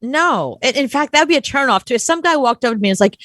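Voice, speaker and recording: A woman's voice: high-pitched, expressive, fast, fairly bright tone, no echo. A woman co-hosting a talk show, reacting bluntly and with frequent laughter. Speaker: radio co-host. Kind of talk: casual chat.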